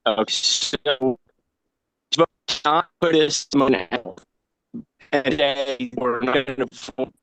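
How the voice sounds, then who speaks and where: A man speaking in a board meeting over a video call, his audio choppy and breaking up from a weak connection. His delivery comes in halting, stop-start bursts. The voice sits in a middle register and the sound is dry, with little room behind it. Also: mid-range voice, a bit bright, dry recording, low-quality recording. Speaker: board director.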